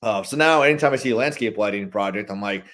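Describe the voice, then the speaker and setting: A man chats in a casual interview, rambling through animated stories about his lighting work. His voice sits somewhat low, and he talks loosely, with many fillers. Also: quick pace. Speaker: guest, holiday lighting business owner.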